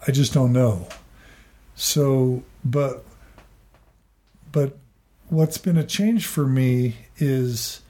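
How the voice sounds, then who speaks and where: A man in his forties, a therapist and podcaster, speaking earnestly and haltingly in a reflective interview, often restarting and repeating words. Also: medium pitch, mellow.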